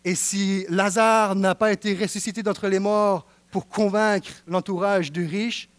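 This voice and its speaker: A man preaching a sermon with a Quebec French accent, swinging from hushed passages to fervent exclaiming. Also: sits high, no room sound. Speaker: pastor.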